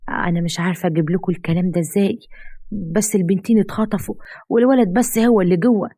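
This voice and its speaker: Woman playing a shaken nurse, hesitant, husky voice. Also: lowish voice, fairly even intonation, rapid-fire, dark tone, dry recording, studio quality, pitched above the performer's own voice, close to an everyday voice. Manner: hesitant, apologetic.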